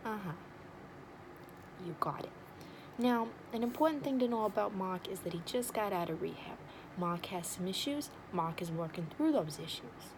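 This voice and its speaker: A woman's voice: mid-range voice, expressive, normal speed, noisy background, natural voice. Woman doing a blunt matchmaker, overdone accent, ASMR role-play. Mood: persuasive. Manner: blunt, familiar, teasing. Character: blunt, nosy, wisecracking female matchmaker with sales patter.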